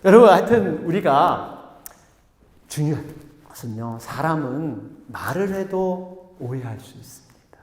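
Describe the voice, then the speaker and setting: A man's voice: a little high, a little slow, long pauses. A male pastor preaching a sermon, telling stories with animation and speaking directly to his congregation. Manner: animated storytelling, addresses congregation. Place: church sanctuary. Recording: echoey church hall.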